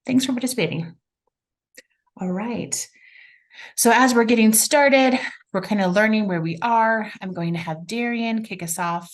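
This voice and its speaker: A woman's voice: a little high, measured pace. A woman hosting a live webinar, enthusiastically reading out chat responses. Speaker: webinar facilitator.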